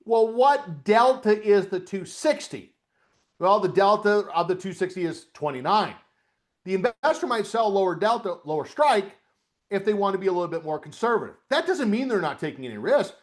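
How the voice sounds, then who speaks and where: Chatty male trading coach, fairly high voice. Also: moderate pace. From upstate New York, US. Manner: chatty, lively, folksy asides while walking through a trading screen. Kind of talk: live webcast lesson on options trading.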